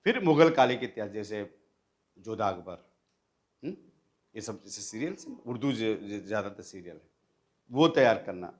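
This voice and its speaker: A man's voice: fairly low pitch, sing-song, moderate pace, long pauses. A man teaching acting students in a coaching lecture, demonstrating lines and often checking in with them.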